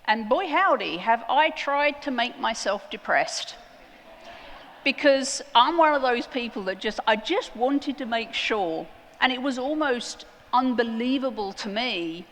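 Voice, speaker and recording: Slow-paced woman speaking in a reverberant hall. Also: on the high side, lively intonation, a bit bright. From outside the United States. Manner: earnest, emphatic with deliberate pauses. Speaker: conference speaker. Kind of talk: prepared conference talk. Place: large conference hall.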